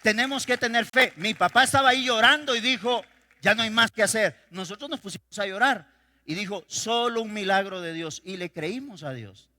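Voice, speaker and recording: A male pastor preaching a sermon, swinging between loud declarations and quiet storytelling. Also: high voice, normal speed. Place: church sanctuary. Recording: reverberant church hall.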